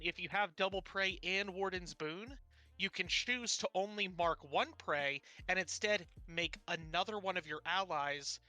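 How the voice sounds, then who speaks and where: Higher voiced guy geeking out over his ranger build, super bright sound. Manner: enthusiastic, detailed explaining. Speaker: player. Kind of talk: explaining game rules.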